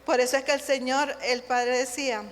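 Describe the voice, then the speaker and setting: A Honduran woman preaches with earnest emphasis, her voice pitched high. She calls her listeners brothers and drives each point home. Her words trail off into a long reverb, as in a large hall. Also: level tone, normal speed. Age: adult, married with a child. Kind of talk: sermon.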